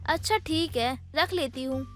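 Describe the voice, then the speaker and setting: A woman voicing a quarrelsome young daughter-in-law in an animated story, combative and taunting. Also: high voice, a little slow, soft background music. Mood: polite. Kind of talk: animated cartoon voice acting.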